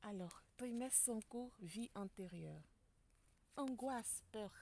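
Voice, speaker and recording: A woman giving a spiritual tarot reading to her viewers, speaking softly and quietly in a public place. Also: on the high side, animated, slow pace, noisy background. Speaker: tarot card reader. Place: public place outdoors with people nearby.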